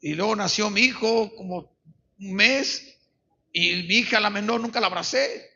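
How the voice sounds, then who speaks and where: A man's voice: high voice, moderate pace, gravelly, pushed and bright. A middle-aged man with a Mexican accent, a pastor preaching a sermon with personal testimony, earnest and repeating words, often saying amen. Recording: dull lo-fi recording.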